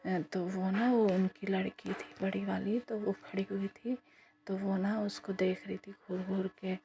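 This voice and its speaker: A middle-aged woman recounts a devotional testimony in a level, even voice of medium pitch. Her delivery stays flat in melody, and now and then she slips into a soft whisper. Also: unhurried.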